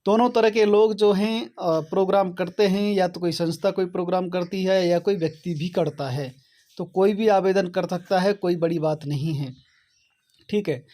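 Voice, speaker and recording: In his online tutorials, a man explains to viewers one step at a time, repeatedly checking with "okay" that they're following along. He speaks at a moderate pace in a high voice with a dark tone and fairly even intonation.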